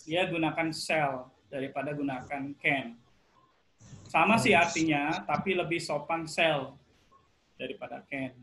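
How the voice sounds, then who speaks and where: A man's voice: on the high side, unhurried, a bit bright, rough recording. A man with an Indonesian accent, an English teacher explaining grammar in an online class and often stopping to ask the students questions.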